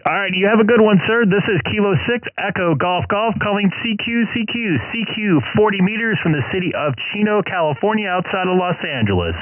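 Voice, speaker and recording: Man calling on a ham radio, high tinny voice. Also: brisk, few pauses, no echo. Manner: steady call-sign phonetics, relaxed chat between calls. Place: home radio shack. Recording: tinny narrow radio sound, dry.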